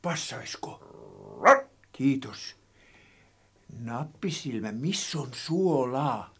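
A man's voice: fairly high pitch, lively intonation. A man voicing a kindly, fumbling man in a children's radio play, stammering through hesitant restarts. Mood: homely. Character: kindly, fumbling man cooking fish soup.

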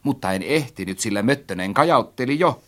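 A man's voice: medium pitch, expressive, fairly bright tone. A man narrating a story as an audiobook, reading expressively and acting out his own quoted lines.

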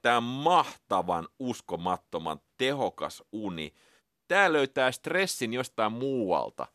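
A man's voice: medium pitch, no echo, studio quality. A man on a dream-discussion panel, talking it through casually and acting out scenes as he analyses them. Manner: animated, acts out the dream scenes while analysing. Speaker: cultural critic on a dream panel.

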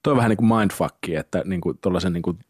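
A man hosting a relaxed radio interview, reading out old tweets and prompting his guest. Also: low-pitched, breathy edge, dry recording, studio quality. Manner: reads out tweets, brief interjections. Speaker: radio show host. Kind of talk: casual interview.

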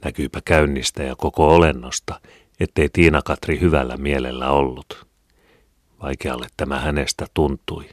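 A man calmly narrating an audiobook in a measured reading voice. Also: rumbling low, dry recording, clean studio sound. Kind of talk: scripted narration.

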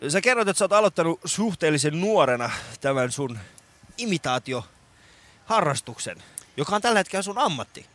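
A man's voice: a little high, big pitch swings, a bit bright. A man hosting a radio show with playful, mock-solemn joking chat in a studio. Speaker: radio host.

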